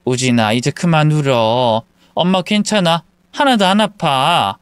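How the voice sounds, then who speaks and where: Man reading a soothing mother, soft and reassuring, smooth tone. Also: a little high, measured pace, no room sound, natural voice. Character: middle-aged mother, gentle and soothing.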